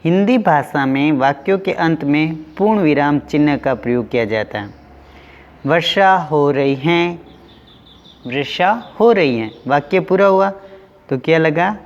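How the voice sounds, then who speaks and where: A man teaching an online class to young pupils, going slowly and repeating each question with its answer. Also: on the high side, lively intonation, in a large hall, highs cut off. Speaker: school teacher.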